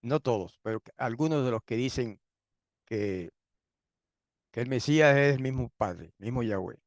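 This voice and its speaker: Throat-clearing man preaching a Bible lesson. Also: mid-range voice, expressive, measured pace, no echo, clean studio sound. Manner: frequent throat clearing, rhetorical questions, repeats points for emphasis. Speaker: Bible teacher. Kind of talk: teaching sermon.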